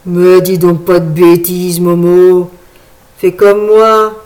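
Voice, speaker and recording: Blunt loyal old man, scolding his friend, slow measured voice, storybook, as a woman puts him on. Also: on the low side, flat delivery, darkish tone, low-quality recording.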